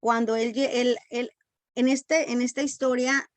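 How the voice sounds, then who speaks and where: Slow, high-voiced woman teaching the Bible. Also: flat delivery, dry recording. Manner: unhurried, self-correcting, acts out quoted lines. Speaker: preacher.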